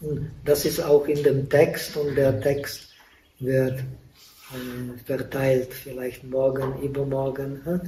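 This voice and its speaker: A Buddhist monk teaching meditation gives a dharma talk at a retreat, speaking in the meditation hall. His mellow, medium-pitched voice is flat and unhurried, and his non-native German is halting, full of pauses and fillers. A distant microphone captures him in the echoey room, with slight background noise.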